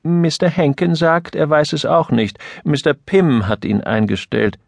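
A man playing a brisk, dutiful young secretary. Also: fairly high pitch, expressive, gravelly, dry recording, voice pushed up, full character voice. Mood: polite. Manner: dutiful, polite, repetitive replies.

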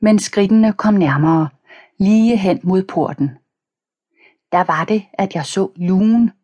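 A woman narrating a children's audiobook in the first person, calm and even, reading page numbers aloud. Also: mid-range voice. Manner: reads page numbers aloud between passages.

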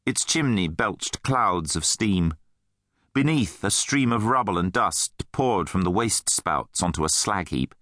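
A man narrating a children's fantasy audiobook in an expressive, animated storytelling manner. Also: fairly low pitch, dry recording, clean studio sound.

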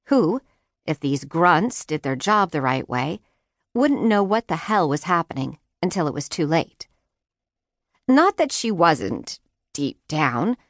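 A woman's voice: fairly low pitch, no room sound. A woman narrating an audiobook on a close studio mic, with a wry, sardonic delivery of a profane teenage point of view. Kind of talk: scripted narration.

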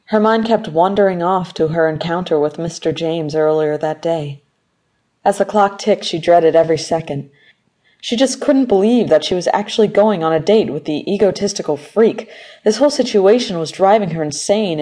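A woman narrating an audiobook story in a measured, even manner. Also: fairly low pitch. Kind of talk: scripted narration.

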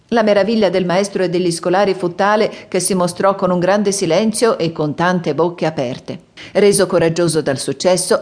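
Low-voiced woman reading a storybook. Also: darkish tone. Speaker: audiobook narrator. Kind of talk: scripted children's audiobook narration.

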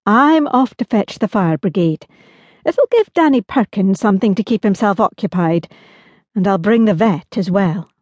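A woman voicing a cheerful, brisk father in a children's audiobook. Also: medium pitch, animated, darkish tone, dry recording, muffled recording, lightly acted. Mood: jolly. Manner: brisk, jolly. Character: cheerful, grinning dad, middle-aged man. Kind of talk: audiobook character voice.

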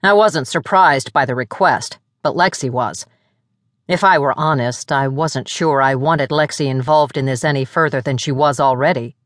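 A woman's voice: a bass voice, normal speed, no room sound, clean studio sound, pitched below the performer's own voice. A woman narrator voicing a reserved, protective demon man narrating reflectively.

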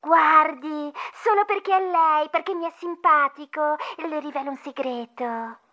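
A man's voice: very high voice, a little slow, sharp tone, highs cut off, pitched above the performer's own voice, exaggerated voice. A man voicing a pushy, chatty female mouse who sells on the phone, using wheedling, confiding sales patter in a storybook audiobook.

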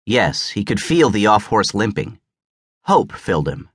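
A man narrating an audiobook as scripted narration, measured and even, on a close studio mic. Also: fairly low pitch, slightly rough, no echo.

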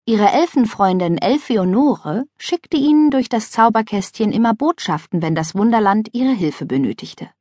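Woman, children's audiobook narration, lively pitch, dry close studio sound. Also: moderate pace, few pauses, no room sound. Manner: lively, expressive storytelling.

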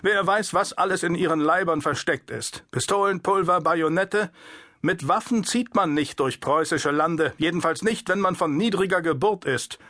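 A man's voice: high-pitched, normal speed, bright, forceful tone, no echo, studio quality, voice pushed up. A man voicing a domineering, suspicious Prussian sentry who barks orders and talks down to people. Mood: sneering. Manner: domineering, condescending, barking orders. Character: overbearing male Prussian sentry, adult, suspicious.

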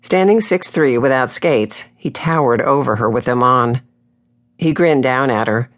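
A woman reading a romance novel aloud in a smooth, even storytelling way, recorded close on a studio microphone. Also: extremely low pitch, unhurried. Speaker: audiobook narrator. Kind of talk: scripted audiobook narration.

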